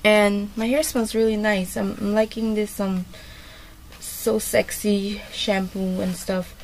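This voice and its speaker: A beauty vlogger rambles casually through a hair tutorial, leaning on many fillers as she chats. Her mid-range voice has little pitch movement and a slow pace, over a little hiss or hum.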